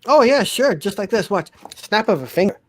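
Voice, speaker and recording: A man hosting a casual livestream, reading the chat aloud with teasing, deadpan remarks. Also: high voice, moderate pace, a little hiss or hum. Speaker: livestream host.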